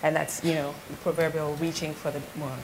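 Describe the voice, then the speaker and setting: A woman who grew up in Ghana tells her story as a panel guest at a live event. She speaks earnestly in a measured way, with a fairly low voice and faint room noise around her. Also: little pitch movement, poor audio. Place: event stage before an audience.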